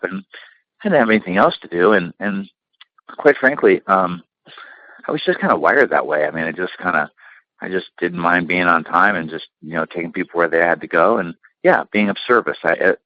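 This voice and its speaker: Deep-voiced man telling rambling stories. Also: no echo, lo-fi sound. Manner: rambling anecdotes with many fillers. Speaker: limousine company founder, interview guest. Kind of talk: relaxed storytelling interview.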